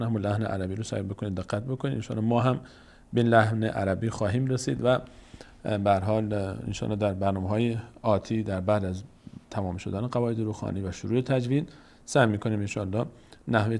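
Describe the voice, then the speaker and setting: A middle-aged male teacher leading a call-in lesson, saying each practice word slowly and clearly for learners to repeat, then explaining calmly with many pauses and fillers. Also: lowish voice. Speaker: Quran reading teacher. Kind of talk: call-in lesson, drilling words aloud.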